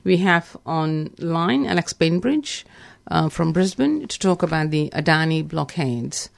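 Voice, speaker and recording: Female AM community radio host, lowish gravelly voice, halting live announcement delivery. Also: animated. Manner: halting, stumbling reading of announcements. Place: radio studio.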